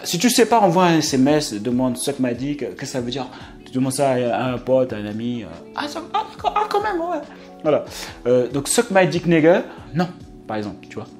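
A man's voice: medium pitch, fairly quick, faint music behind. A young man giving dating advice in a casual, slangy, joking storytelling manner. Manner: animated, streetwise, slangy and joking. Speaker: dating advice video host.

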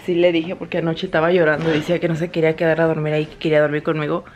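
A woman's voice: sits low, flat delivery, racing, a little mellow, slight background noise. A young woman from Mexico, chatting casually in a home vlog, mixing Spanish and English and laughing often. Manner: switches between Spanish and English mid-sentence. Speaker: vlogger.

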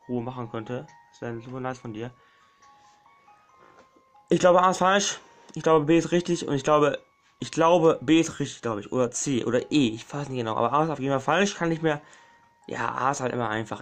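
A man commenting on a puzzle game, rambling and repeating himself, sometimes snapping at people interrupting him. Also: mid-range voice. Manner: rambling, repeats himself, says "meine Freunde" often. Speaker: gaming YouTuber. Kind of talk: let's play commentary.

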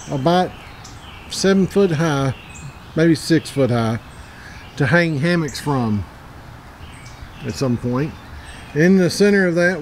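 Fortyish guy rambling about his yard, slightly high voice, faint birds and outdoor hum behind. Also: rough recording. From Middle Tennessee. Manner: rambling and plainspoken, self-correcting. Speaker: outdoors channel host. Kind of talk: casual walkthrough vlog. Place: backyard outdoors. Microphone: handheld camera.

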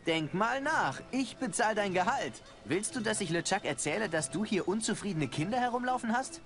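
A man's voice: sits high, lively intonation, moderate pace, fairly bright tone, faint music behind. An actor playing a cheeky, bratty little boy pirate in a cartoon adventure game.

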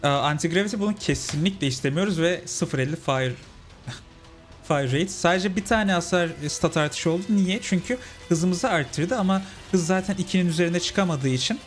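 A man's voice: sits high, moderate pace, faint music behind. A young man giving casual let's-play commentary, chatting with his viewers as friends. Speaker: gaming channel host.

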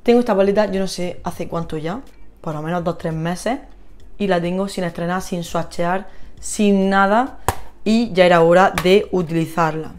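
Una vlogger de belleza con acento de España que charla de forma animada y entusiasta con sus seguidoras mientras se maquilla. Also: female voice, on the low side, normal speed, a little mellow, a little hiss or hum. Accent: Spain Spanish. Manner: chatty, gushing, talks to viewers while applying makeup. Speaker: beauty vlogger. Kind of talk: casual makeup tutorial chat.

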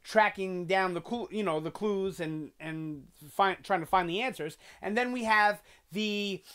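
A chatty man from New York hosts a casual TV review video from a small bedroom lined with collectible-filled shelves. His voice is high-pitched, clean, and unhurried, and he's animated, gesturing a lot and sprinkling in fillers.

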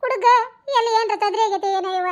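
A very shrill old village mother. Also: very fast. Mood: grumbling. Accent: North Karnataka Kannada. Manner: wailing, pleading. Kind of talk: cartoon voice acting.

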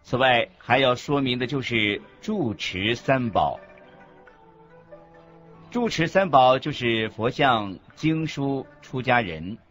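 A narrator voicing a monk's teachings reads scripted religious lessons for a radio drama, careful and didactic. His mid-range voice is animated and fairly bright, delivered at a slow pace, and the audio is muffled under a music bed.

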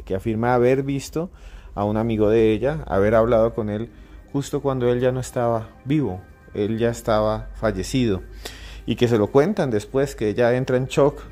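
A man hosting a podcast, narrating in a measured, emphatic way that slows on key words. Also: mid-range voice, darkish tone. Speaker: podcast host.

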